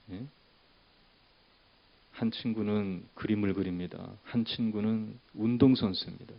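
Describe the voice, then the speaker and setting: A man preaching a sermon as pastor, shifting from a chatty storytelling tone to loud, emphatic declarations. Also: lowish voice, vocal fry, dull audio.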